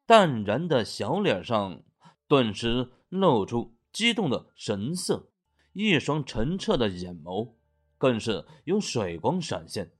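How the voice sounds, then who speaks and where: A man tells a web novel aloud in a playful, animated manner. His pitch is moderate and swings widely. Soft music sits faintly beneath his voice. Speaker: audiobook narrator. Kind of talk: storytelling narration of a web novel.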